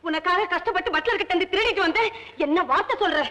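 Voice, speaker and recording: An actress playing a servant's sharp-tongued wife who scolds her drunken husband. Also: very high voice, fast talker, in a large hall. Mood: scolding.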